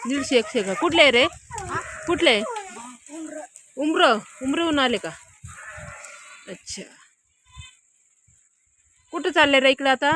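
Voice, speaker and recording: A chatty young woman with a fairly high voice, talking to her viewers in a loose, easygoing vlog style and constantly telling them to look. She records on a phone outside in the countryside. Clear outdoor noise and the sound of animals run underneath her voice. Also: lively intonation, slow pace, long pauses. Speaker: vlogger filming her daughter. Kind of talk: casual vlog narration to viewers. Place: outdoors in the countryside, partly sitting in a vehicle. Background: sheep and outdoor sounds.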